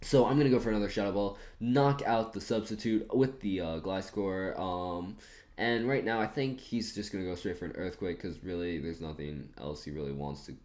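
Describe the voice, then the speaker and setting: A man's voice: low-pitched, darkish tone. A man giving casual commentary over an online game battle, thinking aloud in a chatty, self-mocking way. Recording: roomy echoey room.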